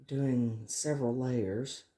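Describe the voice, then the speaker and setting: A woman's voice: extremely low pitch, fairly even intonation, slow pace, warm tone. A woman chatting casually to viewers as she works on a craft, thinking aloud as she goes. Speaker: craft vlogger hosting a resin tutorial. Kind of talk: casual chat while working.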